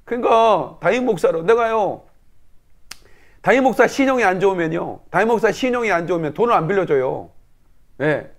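A middle-aged male pastor preaches in a fairly high voice. He prays with fervent, commanding declarations, then slips into a chatty, conversational way of telling his stories to the congregation. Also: expressive, brisk. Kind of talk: sermon with prayer and personal story.

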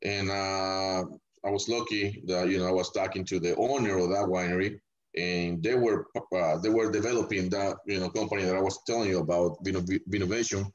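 A man from El Salvador, a winemaker guest on a podcast, talking in a relaxed, rambling way with many fillers. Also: sits low, fairly quick. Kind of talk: casual podcast interview. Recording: dull lo-fi audio.

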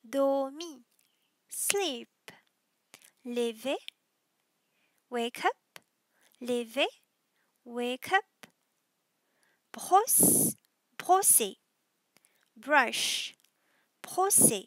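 A woman with a Mauritian accent teaching vocabulary as a scripted drill, saying each word deliberately and repeating it. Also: sits high, pushed and bright, no echo. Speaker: language teacher.

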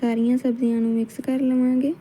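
Punjabi accent lady walking thru a recipe, real mellow dark voice, kinda flat, bit of hiss. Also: a little high, fast talker, rough recording. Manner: calm step-by-step instruction. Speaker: cooking channel host. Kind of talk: cooking tutorial narration.

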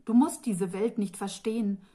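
A woman voicing a proud, calm female dragon in a fantasy audiobook, speaking in a cool, matter-of-fact, slightly drawling way. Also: mid-range voice, moderate pace, slightly rough, lightly acted. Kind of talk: audiobook reading of a fantasy novel.

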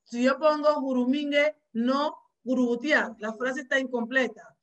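A woman teaching a dialect class online, with a fairly high voice. She explains each phrase carefully and corrects her students as she goes. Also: fairly even intonation, a little slow.

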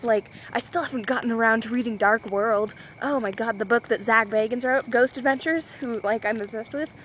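Young woman rambling to her camera on a walk outside, kinda scatterbrained and giggly, voice a bit high, faint hiss behind. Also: fairly quick, fairly bright tone, rough recording. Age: young adult. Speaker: vlogger. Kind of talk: rambling casual vlog. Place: outdoors walking.

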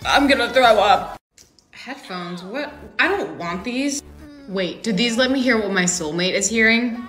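A woman's voice: on the high side, expressive, a little slow, fairly bright tone, soft background music. A young woman acting out a comedic skit with over-the-top, dramatic reactions. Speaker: skit creator.

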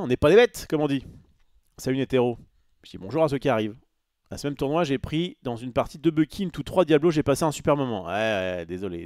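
A man's voice: mid-range voice, a little mellow, no room sound, studio quality. A man chatting casually on a live stream, rambling with many fillers and restarts and answering his chat.

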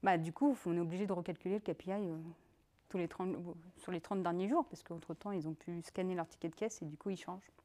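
A woman giving a technical conference talk, in a lively conversational way with many fillers and asides. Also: lowish voice, fast. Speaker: conference speaker.

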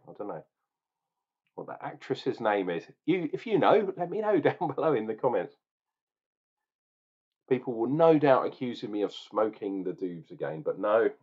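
Sitting in a small room at home, a forties-aged man chats to his desk webcam while reviewing a beer, full of opinions, jokes and tangents. His voice is mid-range and a bit rough, and the audio has that dull lo-fi webcam quality.

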